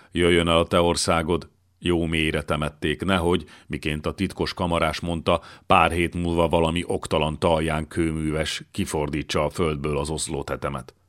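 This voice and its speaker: Man, audiobook narrator, very deep voice, dramatic storytelling, hushed at tense moments.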